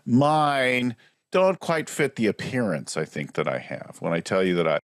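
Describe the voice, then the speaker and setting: A man in his forties, a business coach, telling his story in a relaxed conversational way on a video call and often tagging his points with "right?". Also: medium pitch, moderate pace, dry recording, studio quality. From United States. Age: 40s. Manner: reflective, frequent tag "right?".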